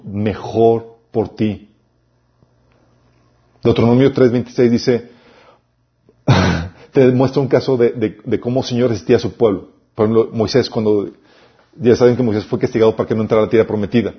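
A man's voice: medium pitch, brisk, pauses often, dull audio. A man preaching a sermon-style Bible lesson, emphatic, listing points and reading scripture aloud.

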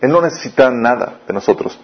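A man preaching a sermon, often asking the listeners questions and swinging between raised and lowered delivery. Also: brisk. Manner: questioning the listeners often, lively rises and drops. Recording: dull lo-fi recording.

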